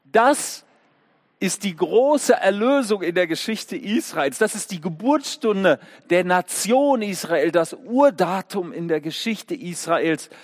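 Lively high-voiced preacher in echoing church. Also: male voice, takes it slowly. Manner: lively storytelling preacher with rhetorical questions. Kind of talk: sermon. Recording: long echoing church reverb.

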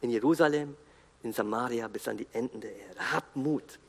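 A man giving an earnest, emphatic sermon, pausing and restarting as he speaks. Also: medium pitch, creaky, breathy edge, in a large hall. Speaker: guest preacher.

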